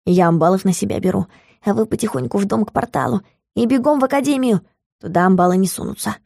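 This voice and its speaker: A woman voicing a calm little male imp who cooks, speaking in a coaxing, unhurried way. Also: mid-range voice, vocal fry, no echo, clean studio sound. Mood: plotting.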